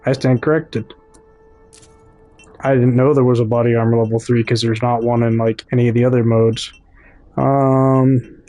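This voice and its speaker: A man's voice: mid-range voice, dark tone. A man with a Midwestern American accent giving casual gameplay commentary, chatty and talking straight to his viewers, often correcting himself mid-thought. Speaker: gaming YouTuber.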